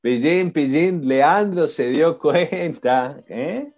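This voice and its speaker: Argentine male coach on a video call, animated pitch, unhurried delivery, keeps checking in with "¿sí?". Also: faint music behind. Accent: Argentine Spanish. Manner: lively, questioning the class, frequent "¿no?" and "¿sí?". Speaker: coaching instructor. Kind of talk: live online class.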